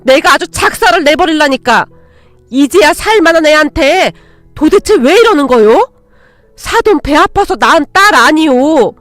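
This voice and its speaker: A woman's voice: a little high, moderate pace, no room sound, soft background music, close to an everyday voice. A woman voicing a stern but loving older mother-in-law, firm with intruders and tender with her daughter-in-law.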